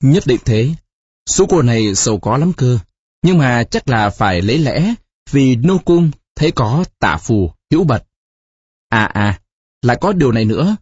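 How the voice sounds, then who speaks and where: A narrator voicing a calm village fortune teller who speaks in a slow, sing-song way. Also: mid-range voice, breathy edge, no room sound, highs cut off.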